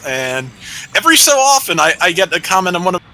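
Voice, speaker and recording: Easygoing Canadian gamer guest, bright tense tone, slightly high, unhurried. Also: male voice. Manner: calm, laid-back, measured like a golf announcer. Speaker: guest gaming YouTuber. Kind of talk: casual chat on a game stream.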